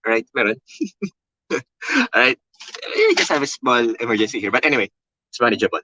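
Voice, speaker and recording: Loud and animated, a content creation coach with a Filipino accent moves briskly through a motivational webinar. He repeats key phrases with emphatic high energy and keeps asking "okay" and "all right." The highs are cut off, and there's a little hiss or hum.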